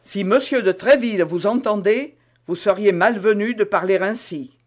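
A man's voice: high-pitched, moderate pace. Man voicing Porthos, blustering proud musketeer. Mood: lecturing. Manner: hearty, emphatic and lecturing. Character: blustering, proud young male musketeer, vain and moralizing. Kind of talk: audiobook character reading.

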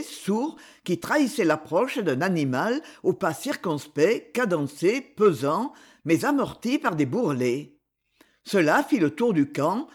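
Brief: male audiobook narrator, high voice, husky, dramatic. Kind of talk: scripted narration of an adventure novel.

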